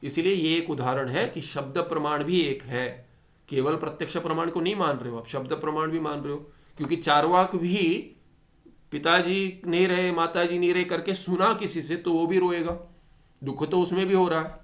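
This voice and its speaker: Animated man teaching scripture. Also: a little high. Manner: animated, full of rhetorical questions; chants Sanskrit lines slowly. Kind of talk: explaining a Sanskrit philosophy text.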